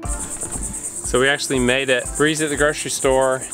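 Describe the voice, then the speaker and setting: A man in his thirties talking to a handheld camera at arm's length for a family vlog, relaxed and curious. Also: medium pitch, moderate pace, over music. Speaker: homesteading vlogger. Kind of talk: casual family vlog chat. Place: outdoors at a park and in a car.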